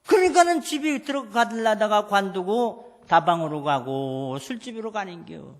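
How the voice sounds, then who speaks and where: A middle-aged pastor, preaching a folksy sermon and acting out scolding family scenes. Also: male voice, high-pitched, animated, normal speed. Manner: acts out scolding voices, calls for the congregation to repeat after him. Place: church sanctuary. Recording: long church hall reverb.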